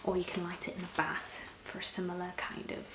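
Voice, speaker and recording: A woman performs a whispered role-play as a personal shopper. Her voice is soft, breathy and fairly low, slipping in and out of a whisper as she gently explains. The room echoes around her, with clear noise behind. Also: completely flat delivery, a little fast. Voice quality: soft-spoken, often breathy and half-whispered. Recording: roomy echo, clear background noise.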